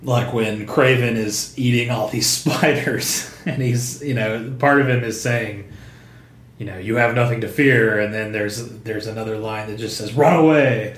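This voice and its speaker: A man co-hosting a podcast, chatting casually about comics, halting with fillers and restarts. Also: fairly low pitch, fairly even intonation, fairly bright tone. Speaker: podcast co-host. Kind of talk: casual comic book chat. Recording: roomy untreated room sound.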